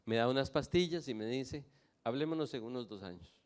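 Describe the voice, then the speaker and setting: A man's voice: mid-range voice, expressive, fairly quick, smooth. A man from Nicaragua telling his personal faith testimony to a church audience, with lightly humorous anecdotes. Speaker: guest giving a testimony.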